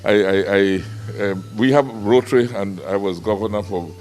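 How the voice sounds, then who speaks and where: A man's voice: on the low side, moderate pace, darkish tone. A middle-aged man hosting a casual on-site interview, chatty and prone to repeating words. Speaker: host.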